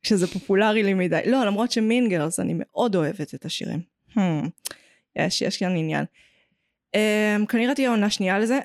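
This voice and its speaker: Israeli woman chatting on a pop culture podcast, jokey n opinionated, mid pitch, no room echo. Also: clean studio sound. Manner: opinionated, jokey, slips English phrases into talk. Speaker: podcast co-host. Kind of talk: casual pop-culture chat.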